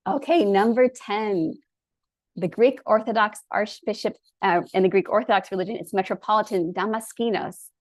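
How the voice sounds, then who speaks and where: An earnest woman presents a storytelling lecture in a voice of middling pitch. She speaks with open enthusiasm, and her recording sounds close and dry, with no room echo. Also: normal speed.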